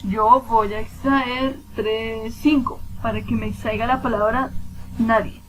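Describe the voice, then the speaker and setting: A woman's voice: fairly high pitch, steady tone, a little slow, a little hiss or hum, rough recording. A woman teacher giving a screen-recorded spreadsheet lesson. She asks and answers her own questions and counts positions aloud step by step.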